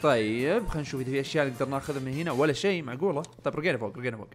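A young man giving casual let's-play commentary, muttering to himself and yelling when things go wrong. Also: mid-range voice, very fast, faint music behind. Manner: chatty, often muttering under his breath, bursts of panicked yelling. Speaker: gaming channel host.

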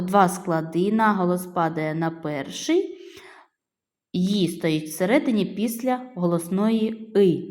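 Patiently sounding out and stretching each word, a middle-aged woman teaches phonics to young children as a primary school teacher. She has a lowish, darkish voice, recorded in an echoey room with a long reverb tail.

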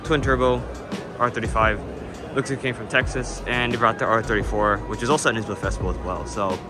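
Walking through a big indoor car show, a man records from his own point of view on a handheld camera and talks fast about the builds, casual and enthusiastic, swearing lightly. His voice is lowish with fairly even intonation, over loud music and a bustling hall.

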